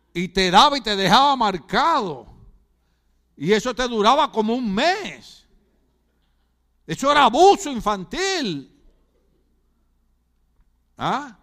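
A very high-pitched, sharp-toned voice, very animated yet slow and pausing often, belongs to a middle-aged Puerto Rican pastor. He preaches a sermon in a Puerto Rican Spanish accent, throwing rhetorical questions at the congregation alongside humorous asides.

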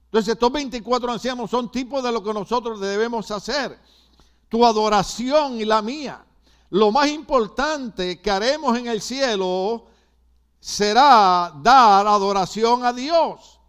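A man's voice: extremely high pitch, a little slow, a bit bright, smooth. An older man from Puerto Rico with a Puerto Rican accent, preaching a sermon with emphatic repetitions and asides to the congregation. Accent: Puerto Rican Spanish. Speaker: pastor.

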